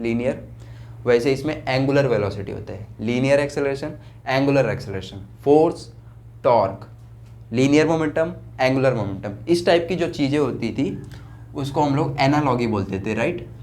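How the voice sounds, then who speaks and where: A man's voice: mid-range voice, darkish tone. A young man teaching a physics lecture for exam prep, often repeating key words back as questions and mixing English terms into Hindi. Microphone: own mic, checked during lecture.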